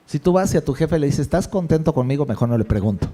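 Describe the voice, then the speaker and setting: A male pastor preaching a sermon in a lively, conversational way, with jokes and rhetorical questions. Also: mid-range voice, fast, breathy edge.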